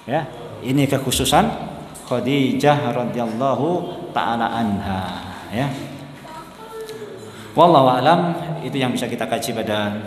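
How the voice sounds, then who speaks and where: Preacher in echoey hall. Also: male voice, medium pitch, measured pace, long pauses. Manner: conversational, repeats points, mixes in Javanese words. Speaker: Islamic preacher. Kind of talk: sermon. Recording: echoey hall, faint ambience.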